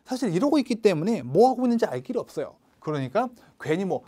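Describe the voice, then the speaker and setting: Male lecturer for test prep, lively pitch, coaching tone, checks in often with learners. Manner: coaching, repeats checks with the listener, reads English lines slowly for them to repeat. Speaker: English speaking test teacher. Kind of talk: online lecture.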